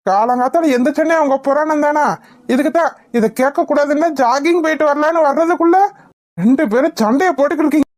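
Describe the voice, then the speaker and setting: A woman's voice: high-pitched, fast talker, darkish tone, no echo, lightly acted. A woman voicing a cheeky, idle young man in a cartoon comedy, mocking his grandmother.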